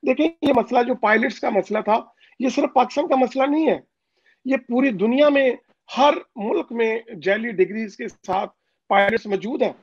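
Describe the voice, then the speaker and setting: A high-pitched man from Pakistan, an overseas community leader, speaks as a guest in a political interview over a phone line. His voice is muffled, breathy-edged, and completely dry with no room sound, at a moderate pace. He presses his points insistently, with frequent hesitant fillers.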